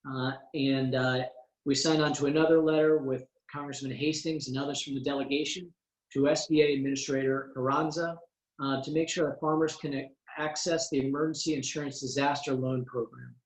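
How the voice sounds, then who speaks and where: A man, a congressman, briefing constituents over a conference call in a measured way, pausing often on "uh" and going through items one by one. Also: medium pitch, fairly even intonation. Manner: measured, frequent "uh" fillers, lists items one by one. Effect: heard over a conference call line. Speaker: congressman hosting a teleconference. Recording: roomy echo on a conference call.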